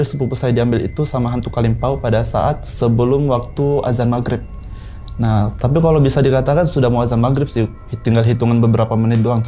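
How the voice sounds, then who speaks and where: A man in his twenties from South Sulawesi, telling a horror story in a relaxed, unhurried way with many pauses. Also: medium pitch, slight background noise. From South Sulawesi, Indonesia. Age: 20s. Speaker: guest storyteller.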